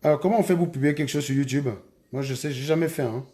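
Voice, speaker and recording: This live streamer talks fast, his voice fairly high and warm. He keeps things casual but repeatedly, urgently presses the audience to get a move on.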